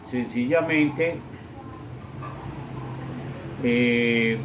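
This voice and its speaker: A man giving a grammar lesson as a teacher, explaining step by step and often checking with a quick question. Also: medium pitch, noisy background. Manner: slow, patient, checks with "¿sí?". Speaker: English teacher.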